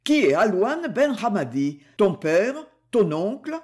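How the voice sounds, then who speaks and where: A man's voice: high-pitched, sing-song, unhurried, darkish tone. A man reading as a stern, pressing army captain. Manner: brief, pressing questions.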